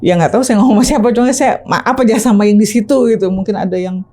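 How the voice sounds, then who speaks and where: A woman guest telling her own story in a chatty, animated, casual way, tagging her sentences with fillers. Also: medium pitch, fast. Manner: chatty, animated, tags lines with "gitu". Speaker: ride-hailing driver, interview guest. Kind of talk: casual first-person storytelling.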